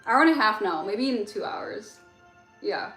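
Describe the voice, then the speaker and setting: A woman's voice: medium pitch, unhurried. Chatty young woman streamer, roomy echo. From Egypt. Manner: relaxed, chatty, answers chat questions with many fillers. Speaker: livestream host. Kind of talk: casual late-night chat with viewers. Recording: roomy echo with faint music.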